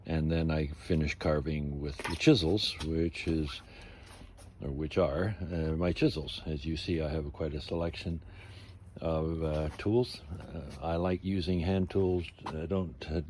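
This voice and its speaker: A man in his sixties with a very low voice talks through a hands-on demonstration in an informal vlog style. He explains things in an unhurried, halting manner and drifts into asides. There is clear background noise around him, as in an outdoor canopy workshop. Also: fairly even intonation, darkish tone. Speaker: ventriloquist and puppet carver. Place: outdoor canopy tent used as carving workshop.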